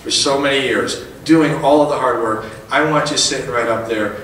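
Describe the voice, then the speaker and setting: A man's voice: medium pitch, normal speed, fairly bright tone, slight background noise. A middle-aged man, a politician, giving a folksy, rousing campaign rally speech from a podium in a large hall. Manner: folksy, rousing, rising to emphatic peaks. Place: large indoor function hall. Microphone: podium mic, recorded by a far camera. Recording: echoey hall from far off.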